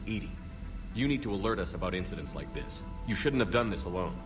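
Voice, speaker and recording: A man's voice: sits low, expressive, fast, over music. A man playing an authoritative starship commander in a video game, firm, serious and plain-spoken. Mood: firm, questioning. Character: steady, authoritative human male starship commander. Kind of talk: dramatic video game acting.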